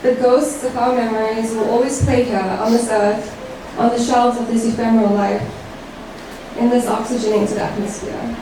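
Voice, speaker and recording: A woman's voice: fairly high pitch, fairly even intonation. Woman poet, reflective lyrical reading, far mic, roomy with background noise. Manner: slow, reflective, lyrical delivery. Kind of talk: spoken-word poetry reading. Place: live event room. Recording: echoey room heard from far off with background noise.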